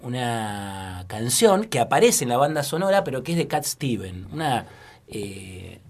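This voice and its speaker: A man's voice: mid-range voice, very animated, a little slow, darkish tone. A man co-hosting a casual radio show, hesitant with many fillers. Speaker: radio co-host.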